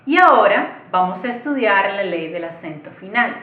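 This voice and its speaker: A woman's voice: mid-range voice, animated, normal speed. Woman teacher walking viewers through a lesson, patient and explanatory, thin phone-like sound in an echoey room. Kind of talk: online lesson, explaining step by step.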